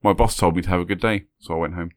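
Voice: deep voice, steady tone, racing. A podcast co-host telling dad jokes in casual banter, giving setups and punchlines.

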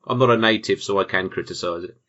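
A British podcast host with a deep, bright, forceful voice talks quickly on a casual film podcast, bantering in a dry, jokey way and swearing freely. The audio sounds slightly dull and lo-fi.

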